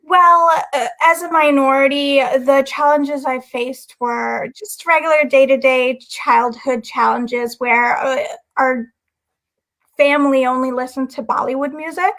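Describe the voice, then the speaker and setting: A young woman from Guyana, a model, answering interview questions in a soft-spoken, hesitant way with frequent pauses and restarts. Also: high voice, fairly even intonation.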